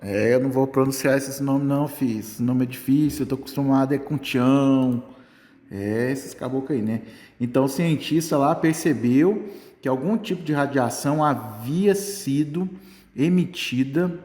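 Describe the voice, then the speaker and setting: A man's voice: medium pitch, normal speed, a little mellow. A man teaching a casual Brazilian Portuguese physics lesson, checking in with the class at nearly every step. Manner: chatty, keeps checking in with "tá?". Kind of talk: casual exam-prep lesson. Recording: echoey room with long reverb.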